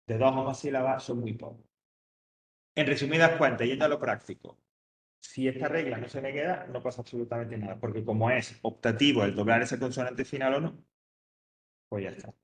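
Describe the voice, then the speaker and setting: A man's voice: mid-range voice, brisk, reverberant, a little hiss or hum. A man teaching English grammar to an adult class, patiently repeating each point step by step. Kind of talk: classroom explanation.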